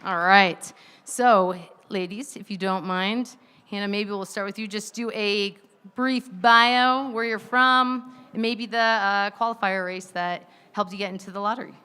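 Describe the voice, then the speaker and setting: A woman's voice: mid-range voice, steady tone, unhurried, sharp tone, smooth. A woman moderating a live stage panel, introducing guests and asking questions in an upbeat, emcee-like way. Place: stage at a live outdoor event.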